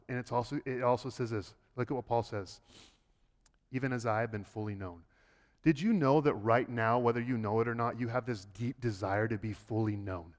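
A man preaching a sermon as pastor, swinging between loud, high bursts and hushed low passages, often repeating words as he starts a thought. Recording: long hall reverb.

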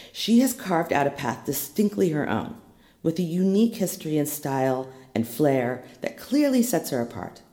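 A woman's voice: extremely low pitch, mellow. A woman hosting an interview podcast, with a hungover morning voice. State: hungover morning voice after a night of drinking. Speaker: podcast host.

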